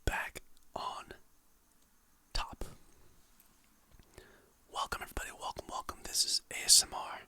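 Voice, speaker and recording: An adult ASMR creator whispering softly and slowly, reading calming quotes in an encouraging way. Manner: soft, relaxed, slow-paced, encouraging.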